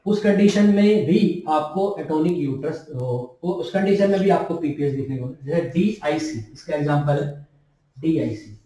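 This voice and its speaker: In an echoey room, picked up by a far-off mic, a nursing tutor lectures his class of nursing students. He keeps returning to key terms and asks questions only to answer them himself. His man's voice runs on the high side, dark-toned, at a moderate pace.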